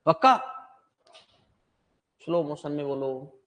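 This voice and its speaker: A man's voice: on the high side, expressive, slow, a bit bright. A man teaching a class, chatty and teasing, quizzing his students on how letters are said. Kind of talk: joking classroom lecture. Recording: long hall reverb.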